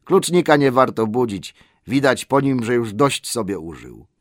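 A man voicing merry, impatient male elves in an audiobook, loud and mocking. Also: mid-range voice, sing-song, moderate pace, no room sound, studio quality, voice pushed up, natural voice.

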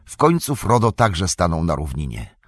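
Low-voiced male audiobook narrator. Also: big pitch swings, moderate pace, no room sound, studio quality.

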